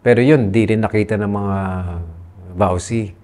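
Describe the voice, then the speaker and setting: In a lowish, slightly mellow voice, a Filipino-accented man speaks a little slowly and steadily while telling his own story in an interview. His candid testimony is earnest and aggrieved, shifting between Tagalog and English mid-sentence.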